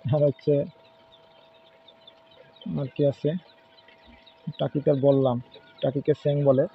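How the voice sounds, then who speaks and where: A man's voice: medium pitch, level tone, takes it slowly, creaky. A man casually showing his home fish tank, pointing out and naming each fish as he goes. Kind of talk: casual home video walkthrough. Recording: phone-like lo-fi sound with faint noise.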